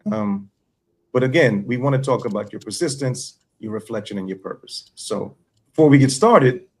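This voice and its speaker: A man's voice: medium pitch, very animated, moderate pace, darkish tone, slightly rough. A man from New York hosting a podcast interview, asking structured questions in a friendly way. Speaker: podcast host.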